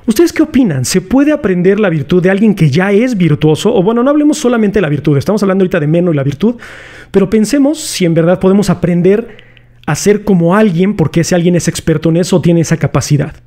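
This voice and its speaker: Mellow Mexican man explaining philosophy. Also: high voice, expressive, quick pace. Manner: chatty, slangy, poses rhetorical questions to viewers. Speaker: philosophy video host. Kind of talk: casual explanatory lecture.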